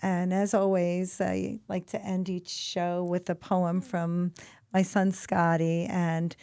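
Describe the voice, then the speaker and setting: A middle-aged woman hosting a heartfelt talk show, gentle and affectionate, who calls her guests honey. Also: fairly low pitch, flat delivery, slow, gravelly, clear, resonant tone, no room sound, studio quality. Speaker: podcast host. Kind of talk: heartfelt conversation and closing reflection.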